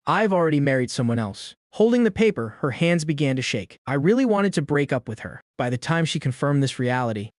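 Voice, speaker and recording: A man narrating a comic story recap in a steady, even storytelling manner. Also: medium pitch, no room sound, studio quality.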